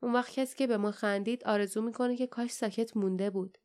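A woman voicing a bold, sharp-tongued girl who talks in a curt, scornful way. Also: on the high side, steady tone, natural voice.

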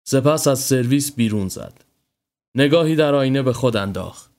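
A man's voice: mid-range voice, animated, a little mellow. A man steadily reading a horror story aloud as narrator.

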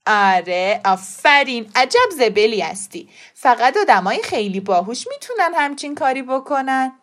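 Brief: woman voicing a feisty old grandmother for an audio story, brisk, coaxing and insistent. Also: sits high, big pitch swings, a bit bright.

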